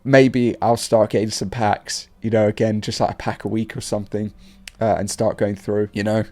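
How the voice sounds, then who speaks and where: A man's voice: on the low side, flat delivery, normal speed, dark tone. A man who is sick, hosting a card market channel and rambling casually through his commentary with lots of fillers.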